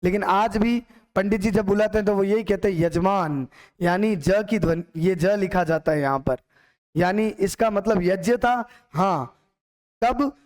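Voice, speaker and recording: A man's voice: high voice, a little slow. A young man teaching a grammar lesson, asking questions and answering them himself as if a student had asked.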